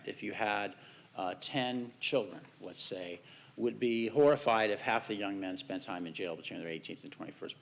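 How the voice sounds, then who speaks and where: A middle-aged American man, a researcher giving a conference talk, measured in tone with dry asides. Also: fairly low pitch, creaky. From United States. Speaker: researcher presenting findings.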